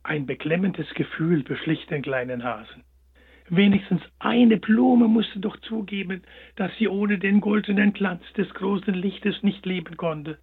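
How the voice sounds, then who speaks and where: A man narrating a storybook in a gentle, expressive way, on a tinny line. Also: high-pitched, a little slow, husky. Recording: tinny phone-like sound.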